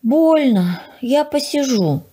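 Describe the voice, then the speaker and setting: A picky, fretful young boy from a children's storybook, always finding fault, as a woman reads him aloud. His voice is husky, and his pitch rises and falls a lot as he complains. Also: animated, slow pace, warm tone, heavily acted. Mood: whiny. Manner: fussy, complaining. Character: fussy picky young boy, easily frightened.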